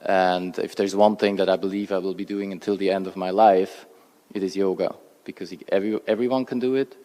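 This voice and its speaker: Man, very low voice, flat delivery, earnest, halting, large-hall reverb. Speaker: invited speaker at a formal event. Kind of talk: prepared speech.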